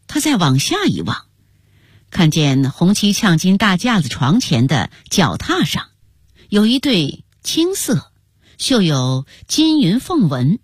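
A woman telling a historical story in scripted narration, with an expressive, melodic delivery. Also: medium pitch, husky, no room sound, studio quality. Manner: expressive, rising and falling melodically.

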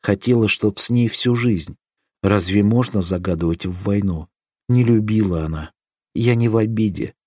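A man reading the part of an affectionate, teasing young village girl in an audiobook, lifting his voice into a bright pleading lilt. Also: fairly low pitch, moderate pace, no room sound, studio quality, close to an everyday voice. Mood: tender.

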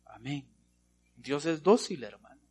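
A man's voice: on the high side, sing-song, a little slow, a little mellow, husky. A male pastor preaching a sermon, punctuating his points with repeated amens and rhetorical questions to the congregation.

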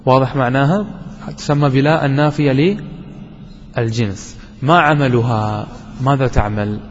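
A man's voice: mid-range voice, normal speed, a little hiss or hum. A man, a sheikh, explaining a grammar lesson, asking questions and answering them himself and repeating key words. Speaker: sheikh teaching Arabic grammar. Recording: dull lo-fi recording with long hall reverb.

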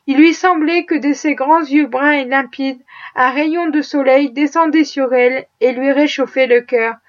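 Woman reading an audiobook, expressive, high voice, kinda muffled recording. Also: measured pace. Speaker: audiobook reader. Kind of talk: audiobook narration.

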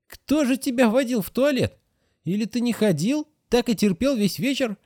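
Guy doing a high shrill cranky nurse lady, fussy and outraged, storybook reading. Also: lively intonation, moderate pace, a little mellow, dry recording, clean studio sound. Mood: scolding, indignant. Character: stern scolding middle-aged female nurse.

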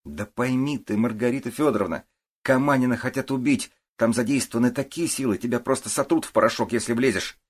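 A man's voice: mid-range voice, a little fast, pitched above the performer's own voice, natural voice. A man voicing a pushy, commanding woman with powerful connections who talks in an insistent, threatening way, in an audiobook.

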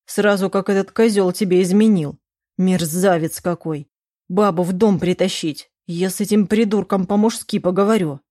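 A woman voicing a gruff, protective middle-aged father in an audiobook. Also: fairly low pitch, fairly even intonation, normal speed, mellow, no echo, clean studio sound, lightly acted. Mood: indignant.

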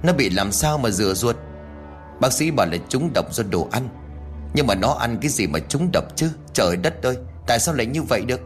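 A man's voice: medium pitch, lively intonation, brisk, soft background music, lightly acted. A man voicing an old man who has just woken up, urgent and confused. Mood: frantic. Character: old man waking in alarm, frantic.

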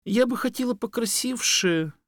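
A man voicing a sly, fawning female fox in a storybook reading, in a high squeaky voice. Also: moderate pace, fairly bright tone, no echo. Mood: coy.

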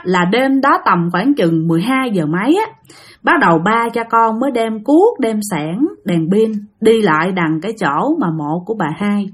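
A woman with a Southern Vietnamese accent telling a ghost story in a chatty way, speaking straight to her listeners. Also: medium pitch. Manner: chatty, addresses listeners directly. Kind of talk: spoken ghost-story narration.

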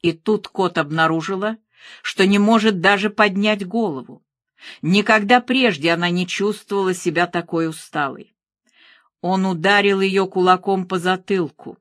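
A woman narrating a thriller audiobook in a measured, even reading. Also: mid-range voice, dry recording, clean studio sound.

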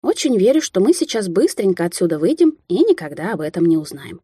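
A woman's voice: mid-range voice, big pitch swings, a little fast, mellow, slightly rough, no echo. A woman voicing a playful, cunning red-haired young witch who talks in a carefree, teasing, sing-song way.

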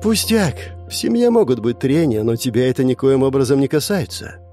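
A man reading a storybook, voicing a patient older investigator who lectures in a measured way. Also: medium pitch, expressive, warm tone, soft background music, natural voice. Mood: lecturing.

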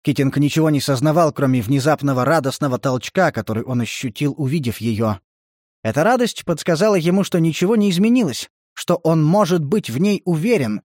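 A male audiobook narrator reading literary prose in a measured, even way. His voice sits slightly higher than most men's. The recording is dry and close, with no room sound. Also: no room sound.

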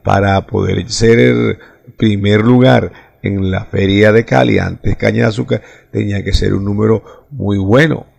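Gravelly-voiced male radio host. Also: on the low side, fairly even intonation, unhurried, darkish tone. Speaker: radio music show host. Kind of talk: scripted radio narration.

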